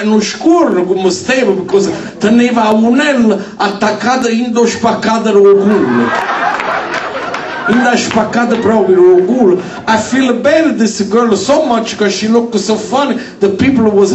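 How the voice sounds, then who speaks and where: A man's voice: high voice, roomy sound, distant mic, close to an everyday voice, low-quality recording. A man doing an indignant old churchgoer. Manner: excited broken English mixed with Italian dialect.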